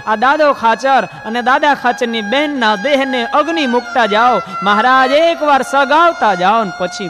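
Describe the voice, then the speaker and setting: A man playing a grieving male devotee who tearfully begs his lord not to leave him. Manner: tearful, pleading, high and strained. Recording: devotional music behind.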